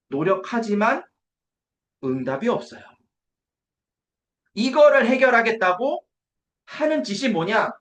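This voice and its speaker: A man delivers a sermon in an echoey church hall, his voice ranging widely in pitch. He preaches emphatically, posing rhetorical questions to the room and answering them himself. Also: fairly bright tone. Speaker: preacher at an evangelism school.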